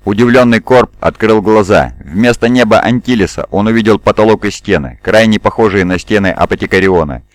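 A man reading an audiobook in a measured, even narration. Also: on the low side, no room sound. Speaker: audiobook reader. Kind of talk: scripted narration.

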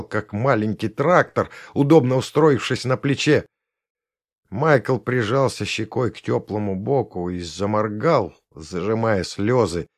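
A man narrating a fantasy story aloud in a lively reading, shifting his pitch for each character. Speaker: audiobook narrator. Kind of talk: scripted narration with character voices.

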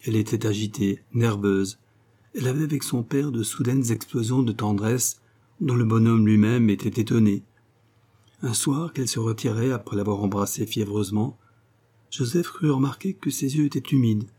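Husky, mellow-voiced male narrator. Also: medium pitch, moderate pace. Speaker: audiobook narrator. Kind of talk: scripted narration of a novel.

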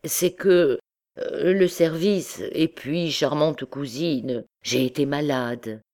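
Un jeune capitaine beau parleur et fuyant, joué par une femme, qui répond d'un ton désinvolte. La voix est à peine plus grave et plus lente que celle de la lectrice, dans un livre audio. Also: female voice, sits low, slow pace, a little mellow. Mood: evasive. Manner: offhand, evasive. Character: young male army captain, evasive and glib.

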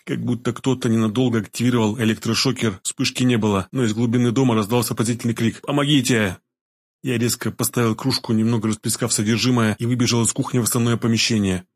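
Husky man reading a first-person thriller audiobook, steady, mid pitch. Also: quick pace, hardly any pauses. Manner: steady, dramatic storytelling. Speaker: narrator.

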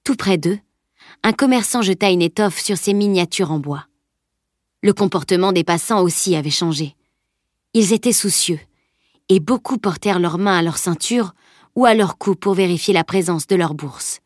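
Audiobook narrator, woman, low-ish voice, dry close sound, measured reading. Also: a little mellow, no echo.

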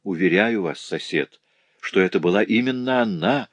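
In an audiobook, a man with a deep voice performs a cheerful, tender-hearted young working woman who chatters eagerly and emotionally. His intonation is lively, his speed normal, and there is no echo.

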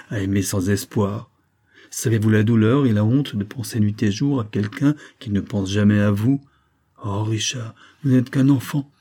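A man voicing a gentle, earnest young woman in an audiobook, pleading softly with a friend. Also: lowish voice, breathy edge.

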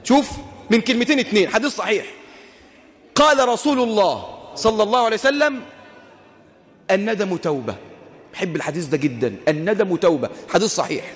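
Man, Egyptian accent, preaching, rapid delivery, rhetorical questions, reverberant hall. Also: high voice, expressive. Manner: impassioned, rising to shouts, rhetorical questions. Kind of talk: sermon.

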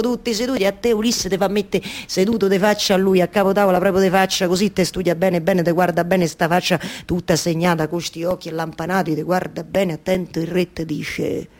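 Attrice che fa Penelope, moglie in attesa, accento romano. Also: female voice, medium pitch, close to an everyday voice. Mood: animated storytelling. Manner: colloquial, insistent repetition. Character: Penelope, long-waiting wife, wistful, chatty storyteller of Ulysses' journey. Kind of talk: theatrical monologue storytelling with live music.

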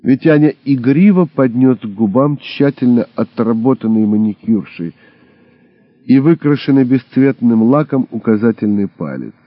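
A man reading a first-person audiobook narration in a wry, measured manner, on a dull lo-fi recording. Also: medium pitch, animated, dry recording. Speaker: audiobook reader.

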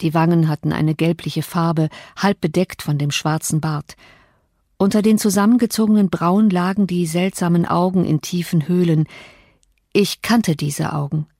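A woman narrating a classic novel as an audiobook in a measured, deliberate manner. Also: on the low side, steady tone, dark tone, dry recording, clean studio sound. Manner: measured, slow on key phrases.

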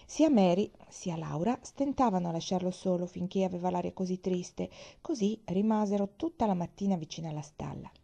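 A woman reading a children's novel aloud, in a gentle, measured storytelling voice. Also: on the low side, vocal fry. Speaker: audiobook reader.

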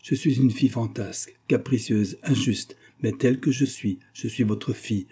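A man's voice: mid-range voice, moderate pace, mellow, slightly rough. A man reading a classic novel aloud, voicing a nineteen-year-old noblewoman who pleads and defies her mother. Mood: pleading. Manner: pleading, tense. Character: young noblewoman, nineteen, desperate and defiant.

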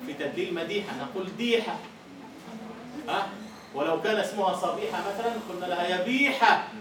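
A man's voice: high voice, rapid-fire, background noise. A man with an Egyptian accent giving a university lecture on Arabic prosody, quizzing his students and repeating their answers. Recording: echoey lecture hall, far from the mic.

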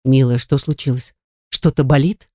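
A reader voicing a tender young husband, speaking softly and soothingly in a deeper voice for an audiobook. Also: male voice, steady tone, normal speed, no room sound, clean studio sound, lightly acted. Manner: soft and soothing.

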